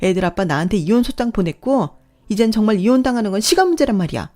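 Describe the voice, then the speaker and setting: A shrill, desperate woman screams accusations in a storybook tale, put on by a woman narrator. Her voice jumps well above the narrator's own and comes out loud and demanding. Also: expressive, fast, soft background music, lightly acted. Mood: furious, shrill.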